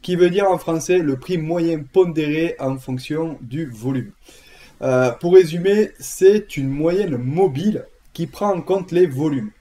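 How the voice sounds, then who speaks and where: Man, southern French accent, casual tutorial, fairly high mellow voice, chatty with fillers. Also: unhurried. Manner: chatty, many fillers and repeated words. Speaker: trading educator. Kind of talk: casual screen-share tutorial.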